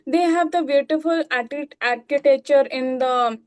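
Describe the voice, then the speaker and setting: A woman from Odisha with an Indian accent, speaking slowly in English practice with many fillers and restarts. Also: sits high. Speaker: English learner. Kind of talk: conversation practice call.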